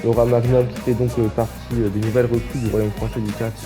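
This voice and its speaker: A man's voice: medium pitch, flat delivery, fast talker, music in the background. A man commentating a wrestling game casually, rambling and joking with many fillers.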